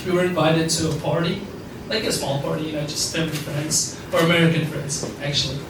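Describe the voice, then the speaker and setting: A man's voice: fairly high pitch, fairly even intonation, brisk. A young man from Afghanistan giving an alumni talk at an event, rambling with many fillers. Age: young adult. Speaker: alumni speaker. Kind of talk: speech at a networking event. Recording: echoey room from far off, background noise.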